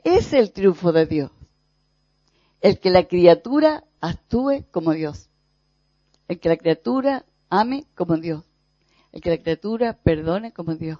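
A preacher from gives a reflective spiritual teaching, speaking thoughtfully with pauses and soft repetitions. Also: mid-range voice, animated, dry recording. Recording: dull, dry lo-fi recording.

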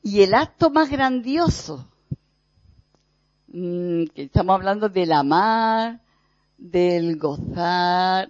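A preacher from gives a reflective spiritual teaching, speaking thoughtfully with pauses and soft repetitions. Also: medium pitch, dry recording. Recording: dull, dry lo-fi recording.

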